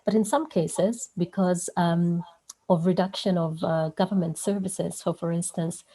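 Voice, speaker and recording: A woman's voice: fairly low pitch, fairly even intonation, unhurried, warm tone, husky. A woman from Zambia, giving a thoughtful academic presentation over a video call with many restarts. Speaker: webinar presenter.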